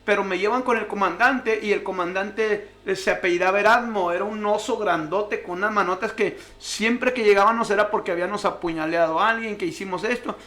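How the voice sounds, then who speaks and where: Guy on a radio show telling his testimony, high voice, does the other people's voices. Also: brisk, hardly any pauses, bright, forceful tone. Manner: storytelling, acting out voices of others in his story. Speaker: guest sharing testimony. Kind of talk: emotional personal testimony.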